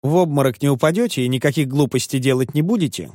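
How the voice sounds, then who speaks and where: A man's voice: medium pitch, quick pace, darkish tone, no echo, clean studio sound, close to an everyday voice. A man doing a sly, gallant salesman. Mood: teasing. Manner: knowing, gallant, soothing.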